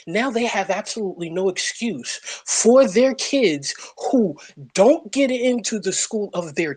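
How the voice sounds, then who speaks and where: A woman's voice: medium pitch, breathy edge. A young woman speaking bluntly and emphatically in an online audio room, repeating her points and swearing. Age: young adult. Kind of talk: impassioned casual debate.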